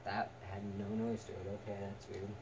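Young dude doing a halting casual review, far from mic, noisy background. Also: male voice, fairly low pitch, flat delivery. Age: teens to young adult. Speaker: video reviewer. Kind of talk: casual, unscripted product review. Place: small attic room indoors. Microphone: camera a few metres away. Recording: distant camera mic, noisy room.

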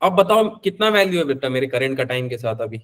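A man's voice: mid-range voice, sing-song, fast, fairly bright tone. A young man teaching a physics class live online, chatty, calling his students beta and answering their questions.

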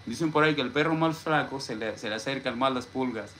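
A Mexican man rants on a casual live stream, boasting about himself and dropping "hombre" into nearly every sentence. His voice sits at an ordinary middle pitch, and he stops to greet viewers from the chat. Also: quick pace, fairly bright tone, slight background noise. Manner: boastful, repeats "hombre" constantly.

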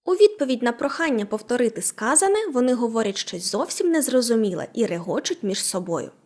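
Female teacher narrator, fairly high, very lively intonation, clearly enunciated scripted lesson. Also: brisk. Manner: animated, clearly enunciated explanations. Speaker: language teacher.

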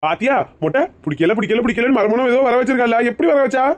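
A woman doing a fast-talking teasing Kanyakumari relative. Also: a little high, animated, natural voice. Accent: Kanyakumari Tamil. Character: teasing relative who mocks the bald aunt.

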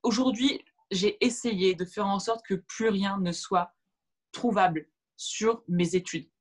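A woman in her thirties, a native Arabic speaker, speaks slowly in a mid-range voice as a guest on a video-call interview. She is reflective, with many fillers and restarts, and gestures as she talks. She's in a room at home with shelves, picked up by a webcam.

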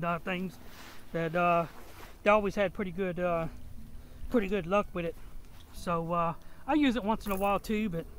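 On a riverbank, a fishing vlogger with a fairly high, slightly bright voice gives a casual first-person explanation, rambling and restarting with lots of fillers. A body-mounted camera mic picks him up, with faint outdoor noise behind.

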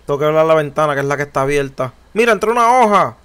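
A young man with a Puerto Rican accent, commentating a horror game live, jumpy, yelling and swearing in quick repeated outbursts. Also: a little high, lively intonation, smooth. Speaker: gamer.

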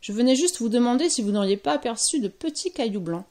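A woman voicing a small, cheeky young boy in a storybook reading, with a high voice. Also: animated, fast talker, darkish tone.

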